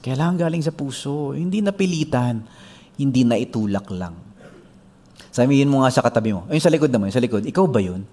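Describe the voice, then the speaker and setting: A man's voice: medium pitch, warm tone. A Filipino man preaching a sermon as pastor, switching between Tagalog and English and acting out characters in a story.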